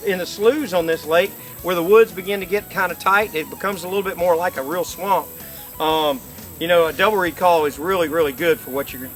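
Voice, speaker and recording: Outdoors by a lake, a middle-aged duck-calling instructor gives an informal, folksy demonstration, explaining each step. His voice is high and a bit bright.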